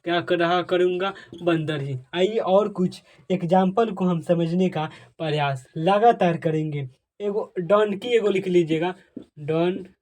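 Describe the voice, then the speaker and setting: An English teacher with a high voice gives a Hindi tutorial on English pronunciation rules, speaking unhurriedly with a darkish tone. He poses questions and answers them himself, repeats his points, calls his viewers dear friends, and asks them to comment.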